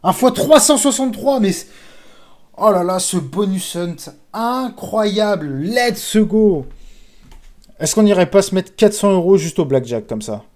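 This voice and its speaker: A man streaming casino games, commentating live, excitable, pleading with the game and calling out sums. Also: high voice, moderate pace.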